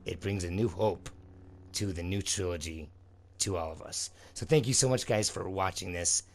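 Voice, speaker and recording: A man's voice: low voice, normal speed. A man hosting his own channel, chatting casually and enthusiastically to viewers, often calling them "guys" and "dude". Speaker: channel host. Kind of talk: casual review chat.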